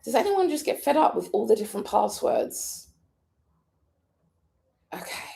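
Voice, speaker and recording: A British woman vlogging in a casual, rambling way, thinking out loud and laughing often. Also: fairly high pitch, sing-song, measured pace, creaky. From Britain. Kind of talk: casual vlog chat.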